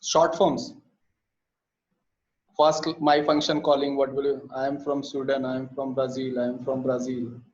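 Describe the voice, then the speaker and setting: This time his voice sounds mid-range and a little slow, with little pitch movement, as he walks through the coding lesson step by step. Fillers and repeated words come often, and the computer mic in the live class yields dull, lo-fi sound.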